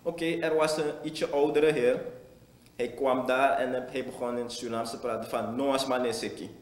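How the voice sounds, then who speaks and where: A man's voice: medium pitch, fairly even intonation, normal speed, echoey room. A man interviewed for a news report, describing what he saw. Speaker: company employee interviewed.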